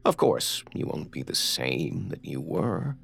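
An actor playing a creepy, obsessive male captor who gloats slowly and menacingly over his prisoner in a horror audio drama. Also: very deep voice, sing-song, heavily acted. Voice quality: gravelly.

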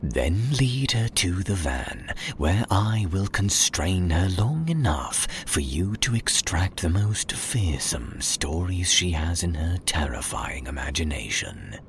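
An actor playing a theatrical, scheming male villain leader who plots in a hushed whisper. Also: sits low, big pitch swings, slow, vocal fry, few pauses, a little hiss or hum, exaggerated voice. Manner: hushed conspiratorial whisper, then exasperated shouts. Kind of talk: comedic audio drama.

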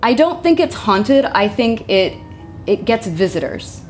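A woman's voice: fairly high pitch, sing-song, measured pace, soft background music. A woman, the tenant of the house, telling a personal story in a rambling, earnest way with many restarts. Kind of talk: casual interview storytelling.

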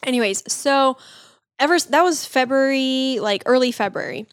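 A woman's voice: high-pitched, moderate pace, dry recording, clean studio sound. A woman in her late twenties telling dating stories in a casual chat, full of "like" fillers. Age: late 20s. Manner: chatty storytelling with constant "like" fillers. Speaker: podcast co-host.

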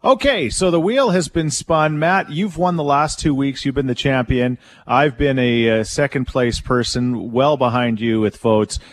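A man's voice: medium pitch, measured pace, hardly any pauses, no room sound. A man co-hosting a casual podcast, running a rap game like an announcer and stumbling into restarts. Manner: plays game-show announcer, hesitant restarts. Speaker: podcast co-host. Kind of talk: casual podcast chat with freestyle rapping.

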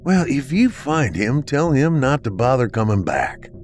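A man voicing a fretful high-pitched funeral home boss. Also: big pitch swings, measured pace, a little mellow, faint music behind. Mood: curt. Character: fussy middle-aged male funeral home manager.

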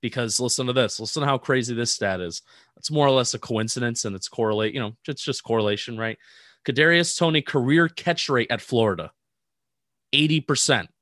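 A man with a mid-range voice running through football numbers one after another at a measured pace. His voice is dry and close-miked, and the talk stays casual. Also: mid-range voice, a bit bright, dry recording. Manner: reels off statistics, measured. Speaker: podcast co-host. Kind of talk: casual sports analysis chat.

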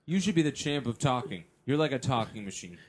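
A man's voice: mid-range voice, expressive, brisk, breathy edge. A man bantering and reading lines casually at a comedy table read in a wry, teasing manner.

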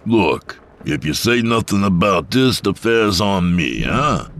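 A man's voice: a bass voice, lively intonation, slow, a little hiss or hum, exaggerated voice. A man voicing a tired, jumpy middle-aged bus driver who talks in an agitated, insistent way. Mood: pleading.

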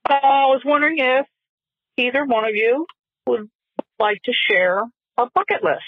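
A woman in her fifties leaves a friendly, hesitant voice message, pausing often and speaking slowly. The sound is thin and phone-like, dry with no room around it. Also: fairly high pitch, dry recording. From Delaware. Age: 50s. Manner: friendly, hesitant, with pauses and fillers. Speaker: caller. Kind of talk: recorded listener question.

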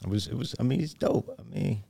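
A man's voice: on the low side, huge pitch swings, fast talker, creaky, dark tone, breathy edge. A man with a Brooklyn New York accent, chatting casually in slangy, street-style speech as a guest. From New Jersey, US. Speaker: hot seat guest, aspiring motivational speaker. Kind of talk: casual conversation.

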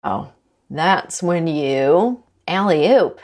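A woman's voice: sits low, expressive, drawn-out words, darkish tone. A woman in casual chat, playfully guessing at sports terms and acting out little scenes. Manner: playful, acts out scenes in bursts of voices. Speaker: quiz guest.

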